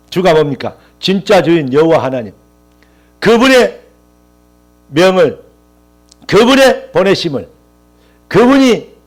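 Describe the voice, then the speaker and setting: A male pastor preaching a sermon with impassioned, rising emphatic lists and calls of hallelujah. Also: on the high side.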